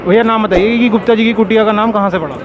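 A man's voice: sits high, steady tone, racing, muffled recording. A young man from Meerut, talking through a face mask as a food vlogger interviewing people at a street stall, chatty and repeating himself with hesitant fillers. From Meerut, India. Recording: outdoor street recording with music and crowd. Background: music and crowd chatter.

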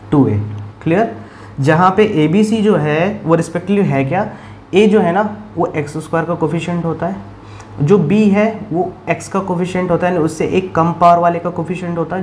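A man's voice: high voice, darkish tone, slight background noise. A man with an Indian accent teaching a math lesson. He explains each step, then asks questions and answers them himself. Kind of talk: explaining a math problem, mixing Hindi and English.

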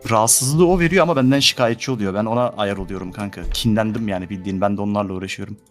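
A young man with a fairly low voice rattles off a long story at quick speed. He talks casually to friends over a voice chat mic. Faint music sits underneath. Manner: fast, rambling storytelling. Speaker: streamer. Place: home room.

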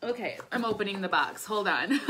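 A young woman hosting a casual livestream from home, emotional and tearful, excitable, laughing often between her words. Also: medium pitch, moderate pace, a little hiss or hum. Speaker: livestream host, direct seller. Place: at home, indoors. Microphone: phone or webcam.

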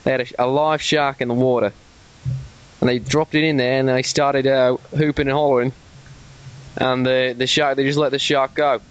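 This prank caller is an Australian man heard through a phone, speaking smoothly at a moderate pace with a flat, mid-range delivery. His talk wanders and stutters, and he swears as he gets heated.

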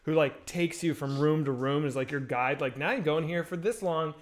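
In a home room with bookshelves, a podcast host in his thirties chats casually on a video call through a headset mic. His pitch is fairly high and his pace fairly quick as he tells crude stories with lots of animation.

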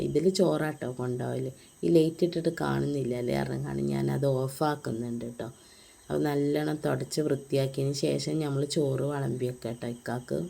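Speaking to her audience from home, a family vlogger with a Malappuram Malayalam accent has a very low, warm voice with vocal fry. She's chatty and relaxed, frequently using tag words directed at viewers.

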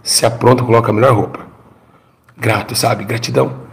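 A man's voice: medium pitch, fairly even intonation, a little fast, gravelly. A middle-aged Brazilian man and former pastor gives an emotional testimony. He tells the story dramatically, repeats his phrases and has the audience repeat after him.

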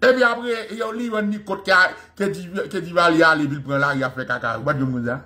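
High, fervent man lecturing on history. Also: fast talker, bright, forceful tone. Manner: fervent, repeats phrases for emphasis.

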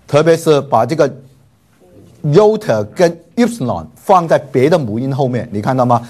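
A man's voice: medium pitch, a little mellow. A man teaching a class, leading drills with repeated syllables and playful asides. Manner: slow, drawn-out, repeats syllables for students to follow; frequent filler particles, playful asides.

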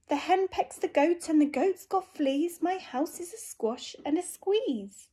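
A woman's voice: extremely high pitch, a little slow, dark tone, voice pushed up. A woman putting on a fretful little old lady. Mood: fretful pleading. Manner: exclaiming, pleading. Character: fussy little old lady, grumbling, cramped.

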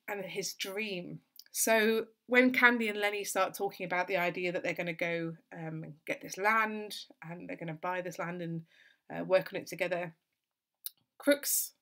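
Revising literature for an exam, a woman tutor explains in a calm, thoughtful way that's full of "so" and "kind of". She speaks with a medium pitch at a moderate pace.

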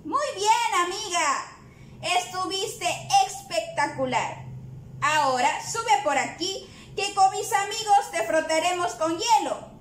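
A woman's voice: very high-pitched, animated, slow, a bit bright, slight background noise, heavily acted. Woman voicing a peppy bossy male penguin for a storybook read-aloud, upbeat coaxing orders, echoey space. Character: cheerful bossy male penguin, eager helper. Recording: echoey room.

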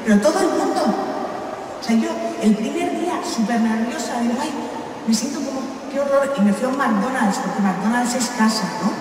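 A woman's voice: fairly high pitch, fairly quick. Woman, stand-up comedian, chatty teasing monologue, distant, long hall reverb. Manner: chatty, teasing, addresses the audience directly. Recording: echoey hall from far off, noisy ambience.

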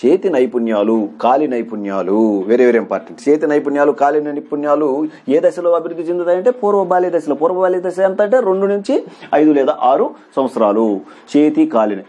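A man in his thirties gives an exam-prep lecture. His voice is a little high and husky. He drills points by asking questions and answering them himself. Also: dark tone. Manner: repeats key points as quiz questions and answers; stresses points with "very, very important". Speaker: teacher.

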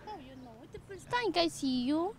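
A woman from Peru, interviewed outdoors and answering in simple, halting English. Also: very high voice, lively intonation, darkish tone. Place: outdoor garden. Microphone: host's handheld microphone. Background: music.

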